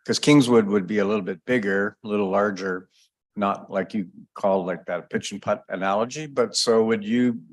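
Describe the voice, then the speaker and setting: A man serving as a city councillor, asking a rambling, hesitant question in a meeting. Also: lowish voice. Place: council chamber.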